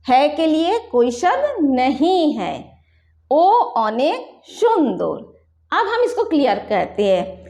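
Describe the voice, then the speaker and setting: A woman teaching a language lesson at a board, explaining patiently and slowing down to spell out example phrases. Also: high-pitched, sing-song, darkish tone, echoey room. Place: room with a whiteboard.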